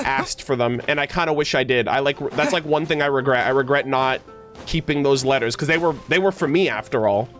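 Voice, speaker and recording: Over background music, a male game streamer chats casually, reminiscing and replying to viewers in a meandering style peppered with "like." He sounds a little high and slightly bright.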